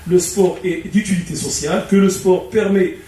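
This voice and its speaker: A man speaking formally at a public debate, halting, with many fillers and restarts. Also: high voice, dark tone, slight background noise. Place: community hall. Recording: echoey hall from far off.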